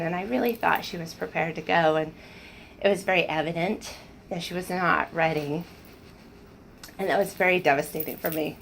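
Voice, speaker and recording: A woman's voice: lowish voice, creaky, a little hiss or hum, rough recording. A woman telling personal stories in an earnest, emotional way, often restarting her sentences. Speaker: spiritual speaker sharing personal stories. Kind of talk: casual personal storytelling.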